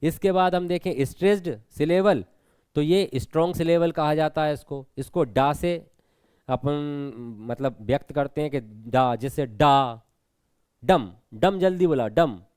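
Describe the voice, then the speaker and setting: Male teacher with a Hindi accent, higher-pitched voice and smooth tone, takes students through exam prep patiently. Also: moderate pace, darkish tone, dry recording. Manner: explanatory, repeats points, asks students questions.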